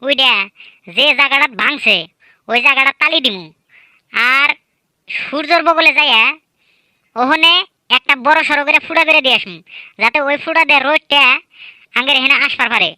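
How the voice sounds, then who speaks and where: This comedic cartoon voice work comes from a woman narrator speaking rural Bangladeshi Bangla, her voice high-pitched, sharp and very bright as she teases and boasts with energy. Her speed is normal but broken by long pauses. Close to the mic, dry and echo-free, the audio is nonetheless rough.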